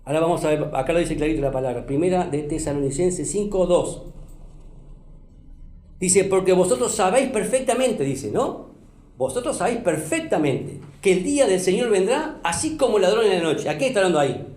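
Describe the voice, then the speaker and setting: A man's voice: sits high, lively intonation, fairly quick, a little mellow. A man preaching a sermon as pastor, emphatic, repeating phrases and asking the congregation questions. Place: church hall. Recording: echoey church room.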